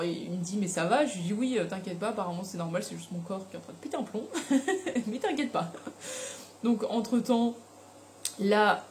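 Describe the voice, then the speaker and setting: A young woman telling a personal story in a casual, animated way, with slang and frequent laughter. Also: mid-range voice, a little hiss or hum. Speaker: vlogger.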